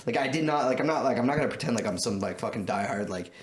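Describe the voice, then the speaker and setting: A man with a Quebec French accent, telling a profane, rapid-fire story on a casual podcast and acting out the voices of the people in it. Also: medium pitch, animated. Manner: rapid, profane, acts out voices in his stories. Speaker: podcast host. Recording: roomy echo, faint noise.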